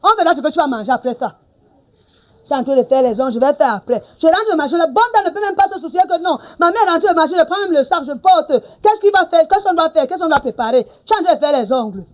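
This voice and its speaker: A high-pitched, nagging middle-aged mother from a film drama. She scolds without a pause and keeps throwing in "hein" and "ah bon". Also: expressive. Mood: scolding.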